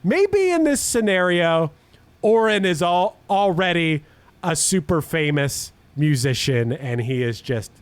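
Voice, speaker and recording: A man's voice: a little high, a little slow, clear, resonant tone, no echo. A man hosting a casual music podcast, talking animatedly and laughing often. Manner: animated, laughing often, reads song lyrics aloud. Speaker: podcast host.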